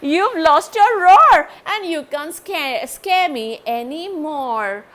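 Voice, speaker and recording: A woman's voice: high-pitched, expressive, slow pace, fairly bright tone, voice pushed up, heavily acted. A woman voicing a female dinosaur friend who laughs and teases. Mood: mocking. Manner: teasing. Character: female dinosaur friend, gentle then mocking.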